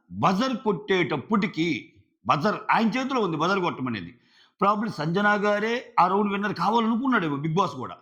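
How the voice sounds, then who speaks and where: A man's voice: high voice, fairly bright tone, highs cut off. A man giving solo commentary on a reality show, explaining his view emphatically and repeating points for stress. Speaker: show reviewer.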